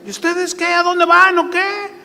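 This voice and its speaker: A man voicing a highway patrolman who scolds a group of speeding drivers. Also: little pitch movement, measured pace, gravelly, bright, forceful tone, big-room sound, heavily acted. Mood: scolding.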